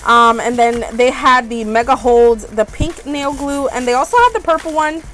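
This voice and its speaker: Chatting about her haul in a small RV room, a woman beauty vlogger sounds stuffy and congested from allergies, rambling with plenty of ums and "you guys." She speaks at normal speed in a high, fairly bright voice, with slight background noise.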